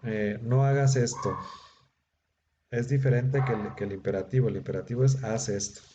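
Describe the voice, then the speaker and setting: A man's voice: mid-range voice, fairly even intonation, moderate pace. A man teaching a Hebrew grammar class, explaining patiently step by step and checking in with his students. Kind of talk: grammar lesson. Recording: dull lo-fi recording with faint noise.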